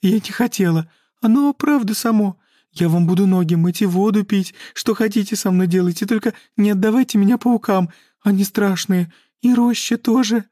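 A man putting on a squealing, tearful young mermaid girl, begging in a high, wailing voice far above his own. She sounds strained and loud, with a dry, close audiobook sound. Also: moderate pace, hardly any pauses, dry recording. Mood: sobbing pleading. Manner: wailing, pleading, high-pitched. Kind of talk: audiobook reading.

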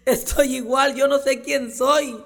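A man's voice: very high-pitched, flat delivery, unhurried, gravelly, a bit bright, voice pushed up, exaggerated voice. A comedian voicing a scheming male skunk in a joke, with a Costa Chica Mexican accent. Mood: sly. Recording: reverberant recording with salsa music.

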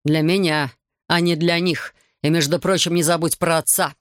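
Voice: mid-range voice, steady tone, no room sound, studio quality, lightly acted. A reader doing a bitter, controlling husband. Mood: bitter, furious. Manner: hurried, cold, then shouting.

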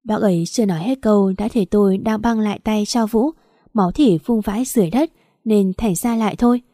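A woman narrating a first-person story in an even, storytelling manner. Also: mid-range voice, brisk, no room sound, clean studio sound.

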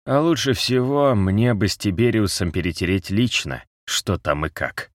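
A man's voice: on the low side, normal speed, no echo, clean studio sound, voice pushed up, close to an everyday voice. A man reading an audiobook, voicing a mocking, unrepentant wounded male captive whose broken jaw is wired shut, with a lazy, sneering manner. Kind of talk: audiobook character voice.

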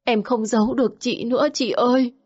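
A woman's voice: fairly high pitch, steady tone, a little fast, darkish tone, breathy edge, highs cut off, pitched above the performer's own voice. A woman voicing a frightened young mother who stammers and begs tearfully.

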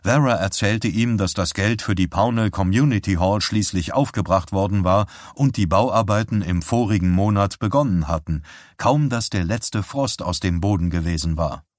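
A man reading an audiobook as narrator, calm and measured. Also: fairly low pitch, no echo, studio quality. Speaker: audiobook reader. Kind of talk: scripted narration.

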